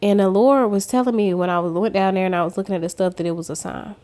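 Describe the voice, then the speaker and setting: A woman's voice: mid-range voice, steady tone, fast talker, a little mellow. A woman vlogger giving a casual personal testimony, talking straight to her viewers as she tells her story. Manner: chatty storyteller who addresses viewers directly. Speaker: faith vlogger.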